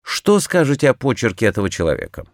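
A man's voice: medium pitch, huge pitch swings, fast, no room sound, studio quality, voice pushed up. A man reading as detective Holmes, cool and precise. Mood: coolly lecturing. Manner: detached, lecturing, precise. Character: cool analytical male detective, middle-aged. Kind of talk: audiobook character reading.

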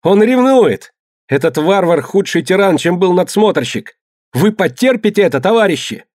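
A man reading aloud, voicing a cowardly young male sailor in shrill, pleading shouts. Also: fairly quick, no echo, studio quality, close to an everyday voice. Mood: accusing.

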